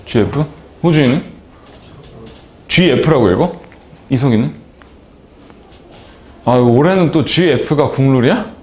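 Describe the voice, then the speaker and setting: Lively, chatty male math teacher. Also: mid-range voice, a little hiss or hum. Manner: chatty, teasing students by name, joking asides. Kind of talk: classroom lecture with banter. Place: classroom.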